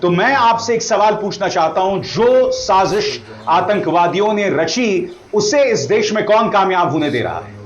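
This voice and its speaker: Pointed, animated male news commentator. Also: sits high, a little slow, roomy sound, highs cut off.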